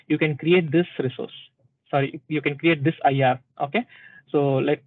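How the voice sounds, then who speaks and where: A man leads a live, step-by-step software tutorial for a tech community, peppering his explanation with "okay," "uh," and a questioning "right?". The audio is dry and thin, like a phone, with no room ambience, and his pitch is fairly high.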